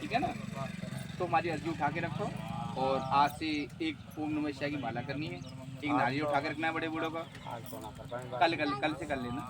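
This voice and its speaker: A man with a high voice gives firm spiritual advice to a visitor. He talks in an assertive, insistent way, and often stops to check he is understood. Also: steady tone, moderate pace, pauses often, very noisy. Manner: assertive, repeats "guarantee" and checks "ठीक है?". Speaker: faith healer at a shrine. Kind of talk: advising a visitor.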